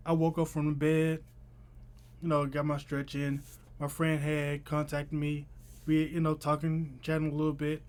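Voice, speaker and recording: A young adult man with a slightly high voice tells a story in a loose, chatty vlog style. He has a noticeable lisp, his s sounds coming out slushy like sh. His wording is informal and slangy, recorded at home a little way from the mic. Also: a little mellow. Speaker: vlogger. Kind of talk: casual storytelling to camera. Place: small room at home.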